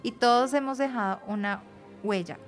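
A woman co-hosting a casual radio chat, explaining things in a relaxed conversational way. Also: a little high, normal speed, faint music behind. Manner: conversational, explains with gentle laughs. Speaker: radio co-host from an institute for the blind.

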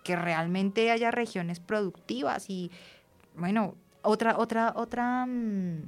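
A woman's voice: mid-range voice, takes it slowly, faint music behind. Woman co-hosting a radio chat. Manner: conversational, explains with gentle laughs. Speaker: radio co-host from an institute for the blind.

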